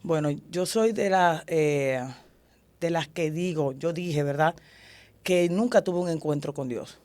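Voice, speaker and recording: A woman from the Dominican Republic with a Dominican Spanish accent, a prophet and ordained minister, gives her testimony as an interview guest. Her deep voice is unhurried and a little mellow. She earnestly tells her life story.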